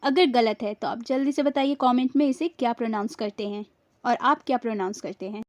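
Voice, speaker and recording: A woman's voice: fairly high pitch, brisk, a little mellow, no room sound. A woman teaching English pronunciation in a scripted lesson, repeating each word twice and quizzing her viewers.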